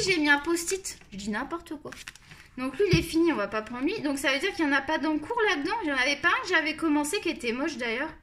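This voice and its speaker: Her voice sits high and a bit bright, with slight background noise, as this French coloring channel host chats casually while trying out coloring pencils on camera. She speaks with a Marseille accent, wandering off topic and mocking herself.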